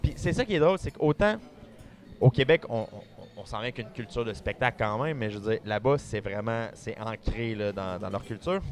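A man's voice: mid-range voice, fairly quick. A man with a Québécois accent, a magician chatting casually in an interview and acting out audience reactions. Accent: Québécois French. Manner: animated, acts out audience reactions. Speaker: magician and stage performer.

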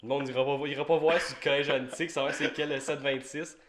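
A man's voice: mid-range voice, fairly even intonation, fast, a bit bright. A young man with a Québécois French accent hosting a casual podcast, rambling and repeating himself as he talks. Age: young adult. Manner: rambling, self-interrupting, repeats words. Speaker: podcast host. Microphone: home podcast mic.

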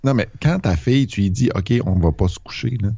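A man's voice: fairly low pitch, expressive, a little fast, vocal fry, mellow, slightly rough, muffled recording. A man with a Québécois accent co-hosting a casual movie podcast, explaining at length with many fillers. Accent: Québécois French. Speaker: podcast co-host.

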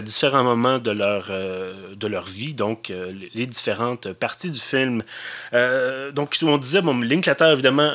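A man's voice: mid-range voice, a bit bright. A man with a Quebec French accent talks through a film on his own podcast. His delivery is loose and conversational, and he circles back as he hunts for the right word. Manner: rambling, loose and conversational, often searching for words. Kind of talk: casual solo podcast commentary.

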